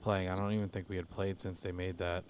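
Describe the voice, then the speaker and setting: Man co-host on a gaming stream; deep, smooth, laid-back and musing. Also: flat delivery, fast. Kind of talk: casual gaming chat.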